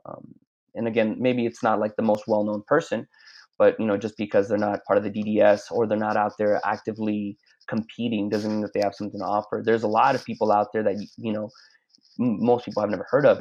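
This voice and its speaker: On a podcast, a Mexican clothing brand owner talks casually as a guest, his lowish voice carrying a darkish tone. He rambles, restarting often and stammering over repeated words, all captured in slightly dull lo-fi audio.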